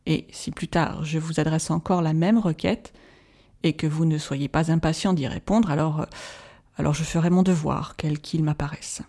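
A grave old professor , read by an audiobook narrator, speaks with solemn, measured patience. His tone is dark and mellow, heavy with duty and sorrow. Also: mid-range voice, fairly even intonation, lightly acted. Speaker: audiobook reader.

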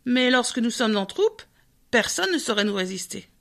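Proud wolf pack, read by a woman, loud and boastful, storybook. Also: fairly high pitch, big pitch swings, moderate pace, gravelly, exaggerated voice. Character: pack of howling male wolves, proud.

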